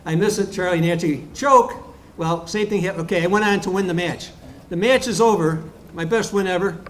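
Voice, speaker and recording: A man telling stories and jokes at a tribute roast, with quick asides to the crowd. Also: high-pitched. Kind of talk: stand-up style joke telling at a tribute. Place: bar event room.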